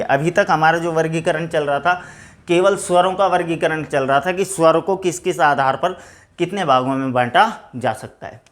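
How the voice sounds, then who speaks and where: "Friends" is how this male grammar teacher often addresses his exam-prep class. He raises rhetorical questions and responds to them himself, dropping to a lower, quieter voice for every answer.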